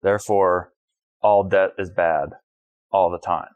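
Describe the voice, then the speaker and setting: Casting: male podcast guest, very low voice, calm and measured, dry close recording. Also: no room sound, lo-fi sound. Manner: measured, thoughtful explaining. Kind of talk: casual conversation.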